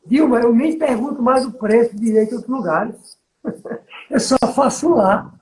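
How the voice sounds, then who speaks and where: Very high-pitched yet darkish in tone, this man speaks at normal speed in a low-quality recording with an echoey room sound. He's middle-aged, from Bahia, with a Northeastern Brazilian accent, mentoring conversationally about business through stories and frequent checks for the listener's agreement.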